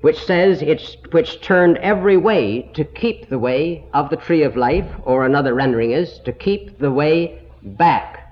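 A man giving a slow, deliberate Bible lesson to a congregation, heard on an old, muffled tape recording. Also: on the high side. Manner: slow, deliberate, explanatory teaching. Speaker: Bible teacher.

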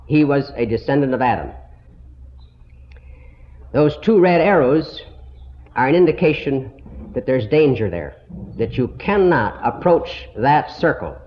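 A man giving a slow, deliberate Bible lesson to a congregation, heard on an old, muffled tape recording. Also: medium pitch, expressive. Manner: slow, deliberate, explanatory teaching. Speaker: Bible teacher.

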